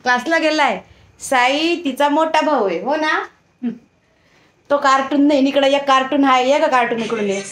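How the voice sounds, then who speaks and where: A woman's voice: high voice, normal speed, a bit bright, a little hiss or hum. A young woman filming a family vlog at a relative's home, chatting, teasing and coaxing her small son to talk. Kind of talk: casual family vlog chat.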